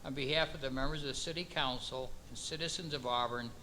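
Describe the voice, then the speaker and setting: Bright-voiced man, a mayor. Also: medium pitch, slight background noise, rough recording. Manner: halting, repeats words when speaking off the cuff. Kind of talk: formal proclamation reading, then informal remarks.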